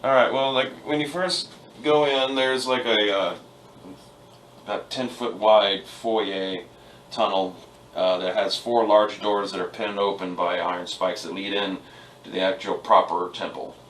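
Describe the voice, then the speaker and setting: A man running a tabletop game as game master, narrating the scene in a relaxed, halting way with fillers. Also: fairly low pitch, roomy sound, far from the mic, a little hiss or hum, poor audio.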